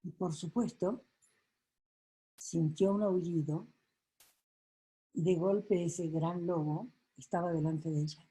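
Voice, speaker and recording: Soft-voiced woman telling a story slowly. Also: fairly low pitch, fairly even intonation, breathy edge, poor audio. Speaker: coach. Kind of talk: storytelling to an audience.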